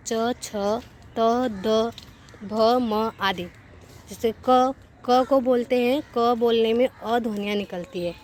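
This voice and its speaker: Brief: female teacher, slow and deliberate, higher voice, spells out sounds, faint noise and crows behind. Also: darkish tone. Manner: repeats and corrects herself mid-sentence. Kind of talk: Hindi grammar lesson.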